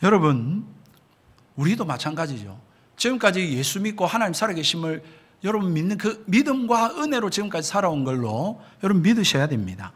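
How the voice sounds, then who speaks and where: A man's voice: high voice, big pitch swings, a little fast, husky. A man preaching a sermon as pastor, emphatic, often addressing the congregation directly and asking rhetorical questions. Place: church sanctuary.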